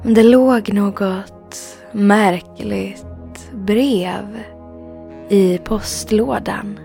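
An actress playing the hero's affectionate partner in a video game, gentle and conversational. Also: female voice, medium pitch, gravelly, faint music behind, lightly acted.

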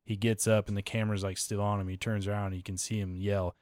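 A man's voice: on the low side, quick pace, no room sound, clean studio sound. A man co-hosting a fantasy football podcast, chatting casually and laughing as he tells stories. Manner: relaxed, laughs often, animated storytelling. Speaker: podcast co-host.

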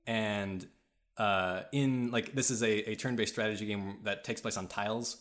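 A fairly low-voiced man talking casually as a podcast co-host. He rambles through his points with many fillers and keeps breaking into laughs, speaking into a podcast microphone. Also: steady tone, moderate pace, a bit bright. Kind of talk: casual chat. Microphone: podcast mic.

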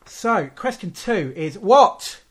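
A man co-hosting a podcast, shouting his lines straight into the microphone so it clips and distorts in a loud, teasing way. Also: high voice, sing-song, slow pace, breathy edge. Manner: loud, teasing, mock-announcer delivery. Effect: shouting into the mic, clipping and distorted. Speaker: podcast co-host. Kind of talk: casual chat.

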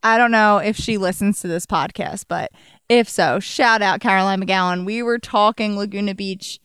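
A woman's voice: mid-range voice, moderate pace, fairly bright tone, clear, resonant tone, no room sound. A woman in her thirties co-hosting a podcast, joking in laid-back casual chat. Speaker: podcast co-host.

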